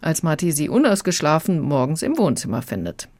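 A woman critic talking through a children's audiobook on the radio in a calm, chatty way. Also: deep voice, a little fast, dry recording. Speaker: book critic. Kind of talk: radio book review.

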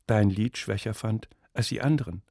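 A man voicing an old blind poet who judges a singing contest, grave and measured, in a dramatic story reading. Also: lowish voice, vocal fry, a little mellow, no echo, studio quality.

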